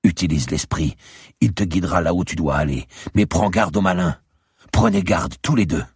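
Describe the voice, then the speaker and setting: A man's voice: low voice, moderate pace, husky, no echo, clean studio sound, voice pushed up, full character voice. A man voicing a tearful, mystical old woman neighbor who pleads urgently in a raised voice. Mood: solemn.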